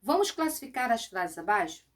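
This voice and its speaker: A woman's voice: on the high side, sing-song, fairly quick. Patient woman teaching a Portuguese lesson. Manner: patient, explains step by step with many "né?" and "lembra?". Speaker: schoolteacher. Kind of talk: recorded remote Portuguese lesson.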